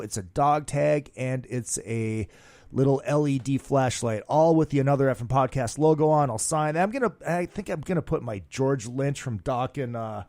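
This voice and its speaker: A man's voice: medium pitch, darkish tone, dry recording. A hungover man hosting a rock podcast in a studio, rambling through casual plugs in a brash, profane, slangy showman's way. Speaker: podcast host.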